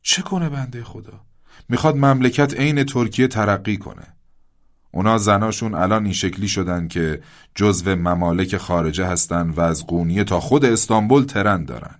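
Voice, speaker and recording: A man's voice: lowish voice, natural voice. A man voicing a nervous royal attendant who talks in a folksy, cautionary way. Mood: explaining. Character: nervous middle-aged male royal attendant.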